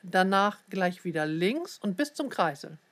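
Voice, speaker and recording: A woman's voice: mid-range voice, big pitch swings, unhurried. A woman voicing a tall, clever schoolboy who is insistent and a little cheeky, in a storybook reading. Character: clever tall schoolboy Leon, confident know-it-all.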